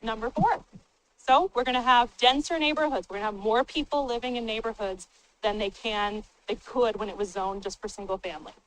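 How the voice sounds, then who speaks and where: A city staffer, a woman, is presenting and moderating at a public town hall, talking into a handheld mic with a loud, booming voice. Her delivery is brisk, plain-spoken, informal and upbeat.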